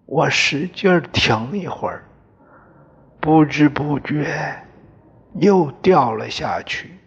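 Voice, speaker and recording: A man narrating a novel as an audiobook, in a slow, deliberate storytelling manner that at times drops to a whisper. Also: mid-range voice, husky, lo-fi sound. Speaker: audiobook reader.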